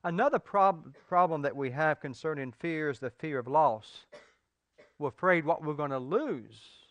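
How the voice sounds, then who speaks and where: A man preaching a sermon, swinging from loud pleading peaks to soft earnest talk and asking his listeners direct questions. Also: fairly high pitch, normal speed, no echo.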